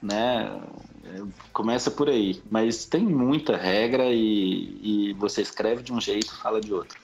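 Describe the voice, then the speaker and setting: A middle-aged Brazilian podcast guest recounts personal experiences in Brazilian Portuguese at a measured pace, casual and interview-style. His lowish voice is a little mellow, with a touch of hiss or hum in slightly dull, lo-fi audio.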